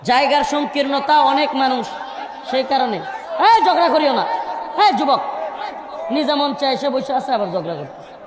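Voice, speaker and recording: High-voiced preacher scolding a noisy crowd. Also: male voice, lively intonation. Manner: pleading and scolding the crowd to keep quiet; slow chanted scripture recitation. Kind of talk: sermon at a crowded religious gathering. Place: crowded stage at a large outdoor gathering. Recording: echoing reverb over a murmuring crowd.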